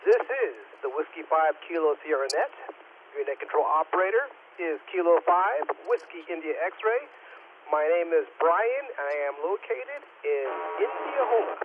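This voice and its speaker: A man's voice: on the high side, very animated, moderate pace. A man acting as net control operator on a two-way radio with static, reading a formal net preamble and spelling call signs phonetically. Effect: heard over two-way radio with static. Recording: tinny radio transmission with faint static.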